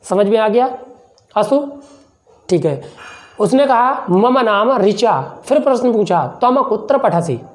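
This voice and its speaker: A male teacher explaining a lesson slowly and deliberately, repeating phrases word by word and asking questions that he then answers himself. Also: sits high, lively intonation.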